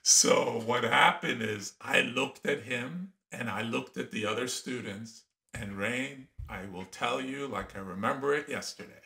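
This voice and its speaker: A man in his fifties, born in Iran and a native Persian speaker, telling lively anecdotes as a podcast guest. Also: medium pitch, unhurried, gravelly, hardly any pauses. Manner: animated anecdotes with laughter and acted-out quotes. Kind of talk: casual storytelling interview.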